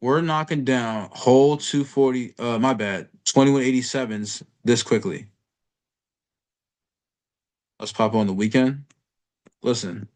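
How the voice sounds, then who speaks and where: A man's voice: mid-range voice, normal speed, a little mellow. A man giving a casual trading lesson over a chart, blunt and profane, talking to the viewer in street slang. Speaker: trading educator.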